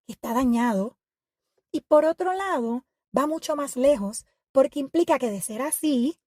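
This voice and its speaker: A woman hosting an educational podcast, reading a scripted narration in a measured, reflective and explanatory way. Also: sits high, darkish tone, no echo, studio quality. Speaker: podcast host.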